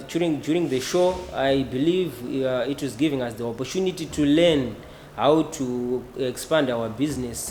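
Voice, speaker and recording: A man's voice: mid-range voice, darkish tone, slight background noise. A man of 28 with a Zimbabwean English accent, an entrepreneur speaking earnestly in an interview. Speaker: contestant entrepreneur. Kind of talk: on-camera interview. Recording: echoey room with faint ambience.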